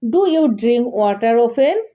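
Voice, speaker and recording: A woman teaching English, saying each practice line twice in a slow, deliberate way for beginners. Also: a little high, animated, muffled recording. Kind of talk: slow repeated dialogue drills for learners.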